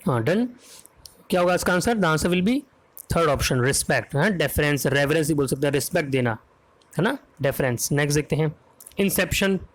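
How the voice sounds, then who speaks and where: A man with an Indian accent teaching English vocabulary for an exam, talking fast in a quiz style and often checking that students follow. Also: fairly high pitch, animated. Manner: fast, drills answers with repeated "है ना?" checks.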